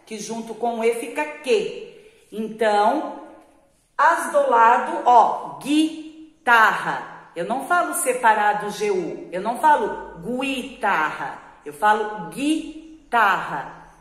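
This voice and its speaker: A Brazilian Portuguese-speaking woman teaching a video lesson to young children, explaining slowly and repeating example words. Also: fairly high pitch, expressive. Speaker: primary school teacher. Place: classroom at a whiteboard. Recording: echoey room with long reverb.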